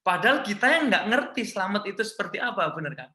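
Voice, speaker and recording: Indonesian pastor preaching, bright tense voice, big echoey church, goes loud then soft. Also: male voice, high voice, big pitch swings, fast. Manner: switches often between Indonesian and English phrases; dynamic, swings from loud emphatic lines to hushed quiet ones. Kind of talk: sermon. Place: large church hall.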